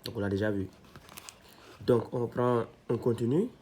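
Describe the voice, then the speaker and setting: A man teaching a reading lesson step by step, patient and repeating each syllable slowly so learners can follow. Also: mid-range voice, steady tone, mellow, a little hiss or hum. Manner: slow, patient, repeats syllables to model them.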